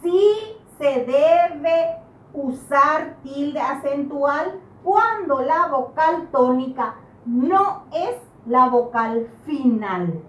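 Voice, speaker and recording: A woman teaching a grammar lesson, speaking slowly and deliberately and stressing each example word. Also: high voice, animated, distant mic. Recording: roomy sound from off-mic with faint background noise.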